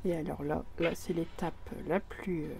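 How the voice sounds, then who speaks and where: A woman explaining a craft project step by step while she works, hesitant, with many pauses and restarts. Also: low voice, fairly even intonation, gravelly, darkish tone, a little hiss or hum. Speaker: crafting tutorial presenter.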